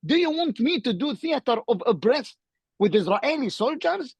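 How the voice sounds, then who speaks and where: A man's voice: very high-pitched, very animated, normal speed, gravelly, breathy edge, no room sound. A man with a Palestinian Arabic accent speaking urgently on a video call in an online seminar, repeating and stressing his points. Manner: urgent, insistent, repeats phrases. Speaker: seminar participant. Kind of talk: impassioned argument in online seminar.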